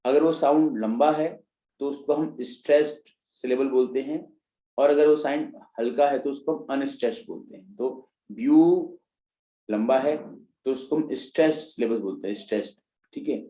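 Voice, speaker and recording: A male teacher lectures an exam-prep class with terms. His voice is mellow and dark, and he checks in with his students as he explains each step. The sound carries the echo of a bare room. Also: mid-range voice, moderate pace.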